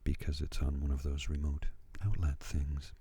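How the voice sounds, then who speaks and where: A man in his fifties speaking in a soft, breathy ASMR voice, slow and soothing, moving between whispering and murmuring close to a studio microphone. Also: very deep voice, little pitch movement. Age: 50s. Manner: slow, soothing, hushed delivery. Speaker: ASMR host. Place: at home.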